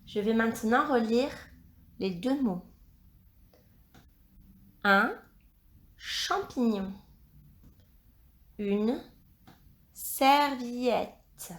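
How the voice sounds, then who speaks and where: Slow, deliberate woman teacher. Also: on the high side, expressive, reverberant. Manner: slow, carefully spelled-out instruction. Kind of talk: dictation lesson.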